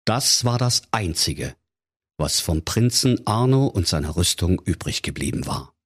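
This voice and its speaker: A man's voice: deep voice, big pitch swings, a little slow, husky. A man narrating a humorous fairy tale for children in a playful, theatrical way. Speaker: storyteller.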